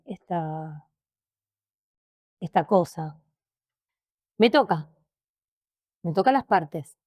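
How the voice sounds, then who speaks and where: A Rioplatense woman recounts a painful experience in an interview. Her delivery is emotional and halting, and she often repeats words as she goes. The sound is dry and close, with no room around her. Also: fairly low pitch, mellow, no echo. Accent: Rioplatense Spanish. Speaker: interview guest. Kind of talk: personal testimony in conversation.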